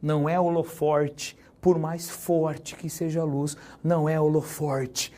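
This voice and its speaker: Joking teacher. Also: male voice, a little high, flat delivery, dark tone. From Brazil. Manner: chatty, joking, spells words out slowly and stresses them. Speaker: Portuguese teacher. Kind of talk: recorded exam-prep lesson.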